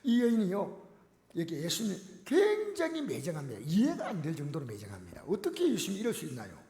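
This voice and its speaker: A man preaching a sermon to his congregation, emphatic and direct, swinging between loud exclamations and near-whispers. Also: high-pitched, huge pitch swings, fairly quick. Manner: addresses the congregation directly with repeated questions. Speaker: pastor. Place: church sanctuary. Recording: echoey church hall with long reverb.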